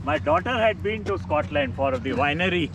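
Halting man from India, heard from afar. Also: fairly high pitch, expressive, lo-fi sound. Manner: halting, repeats words. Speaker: fellow passenger. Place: outdoors at an airstrip. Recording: distant voice with loud outdoor noise.

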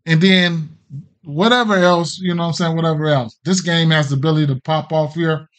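Brisk and steady in tone, a middle-aged American with a slightly higher voice riffs on betting picks during a casual livestream as the show's host. He mulls things aloud and lets sentences trail off, hesitant and rambling, with plenty of slang and profanity.

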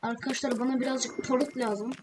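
Woman gamer narrating her play, excitable and slangy, loud noise and clicks behind her. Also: sits high, a little fast. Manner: chatty, excitable, slangy asides to viewers. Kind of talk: casual gameplay commentary.

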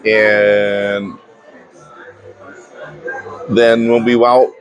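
A man chatting casually with his wife at a restaurant in a relaxed, teasing way. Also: on the low side, very slow, faint music behind. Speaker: husband. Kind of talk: casual chat. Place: busy restaurant. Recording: noisy restaurant crowd. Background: restaurant crowd chatter.

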